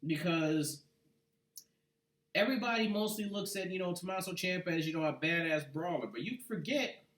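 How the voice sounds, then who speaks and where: A man co-hosting a casual podcast chat, talking in a rambling, animated way full of asides. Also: high-pitched, normal speed. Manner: rambling, animated, full of "you know what". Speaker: podcast co-host. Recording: echoey room, far from mic.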